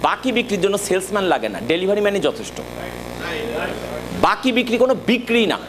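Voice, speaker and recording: A man's voice: high voice, sing-song, fairly quick, a crowd in the background. A man giving a live sales training talk, emphatic and direct, often checking that his audience follows.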